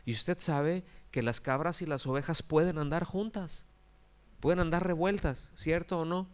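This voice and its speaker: A man's voice: fairly high pitch, normal speed, clean tone. A man, a pastor giving a conversational sermon full of rhetorical questions to his congregation. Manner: acts out quoted characters with exaggerated cries.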